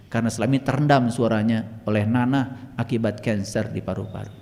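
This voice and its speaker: Animated male spiritual teacher, reverberant hall. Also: a little fast, creaky. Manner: animated, swinging between loud emphatic peaks and quiet low asides. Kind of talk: storytelling motivational talk.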